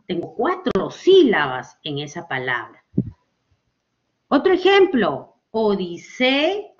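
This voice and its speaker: A woman's voice: lowish voice, huge pitch swings, takes it slowly, slight background noise. A woman teacher gives a children's language lesson, stretching out example words and often checking with "ok?". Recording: dull lo-fi recording.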